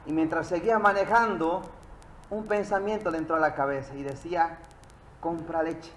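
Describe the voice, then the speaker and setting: High-voiced man preaching, echoey room. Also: a little fast, fairly bright tone, a little hiss or hum. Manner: tells a story to the listeners. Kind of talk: sermon.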